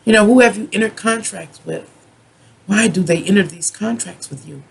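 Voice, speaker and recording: Raspy, creaky-voiced rambling drunken tarot reader. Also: medium pitch, rough recording. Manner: self-described drunken ranting, halting with drawn-out words and repetition. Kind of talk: rambling monologue tarot reading.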